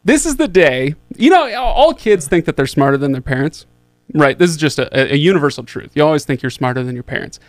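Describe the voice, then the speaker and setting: A man's voice: a little high, animated, fast talker, no echo. A man in his thirties hosting a podcast, telling a rambling story in a casual, chatty way, with lots of fillers and restarts. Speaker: podcast host.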